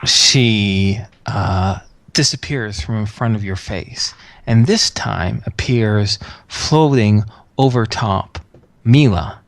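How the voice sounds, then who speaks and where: Slow, deliberate game master, dry sound. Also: mid-range voice, dry recording. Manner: deliberate, descriptive, broken into short phrases. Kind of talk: narrating a tabletop role-playing game.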